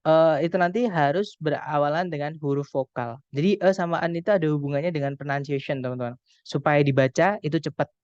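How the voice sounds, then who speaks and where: A man's voice: on the high side, darkish tone, clean tone, no echo. Patient Indonesian man teaching English grammar. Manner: patient, explains slowly, often addresses students as friends. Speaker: English tutor. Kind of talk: online grammar lesson. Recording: dull dry call audio.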